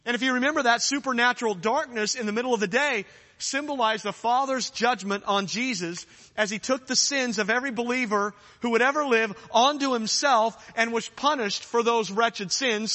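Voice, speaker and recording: A man's voice: very high voice, pushed and bright. A man preaching a sermon, urgent and rising to fervent challenges at times. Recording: long hall reverb.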